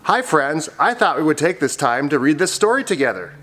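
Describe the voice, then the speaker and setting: A man's voice: a little high, very animated, fairly quick, loud music behind the voice. A man reading a picture book aloud to children in a friendly, sing-song way.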